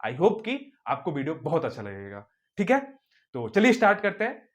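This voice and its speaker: A man's voice: fairly high pitch, wildly swooping pitch, normal speed. A young man teaching maths to students in a video lesson, who keeps asking and answering his own questions and speaks straight to his viewers. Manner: repetitive rhetorical questions, addresses students directly.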